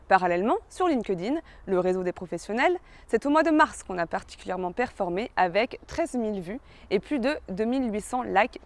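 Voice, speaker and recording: A woman giving a scripted corporate presentation as a social media presenter. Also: medium pitch.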